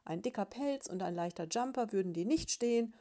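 A woman's voice: fairly low pitch, measured pace, a little mellow, lightly acted. A woman voicing a tired male beetle who mutters sleepy, half-whispered answers. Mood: shouting.

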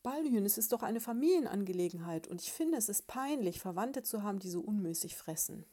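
A woman's voice: medium pitch, lively intonation, brisk, warm tone, lightly acted. A woman voicing a fussy, nagging female beetle who keeps asking her husband questions.

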